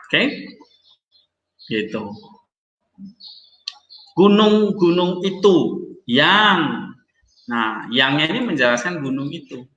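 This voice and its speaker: A man's voice: medium pitch, sharp tone, roomy sound, low-quality recording. A man teaching a grammar lesson, explaining step by step and checking in often with his students. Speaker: Hebrew teacher.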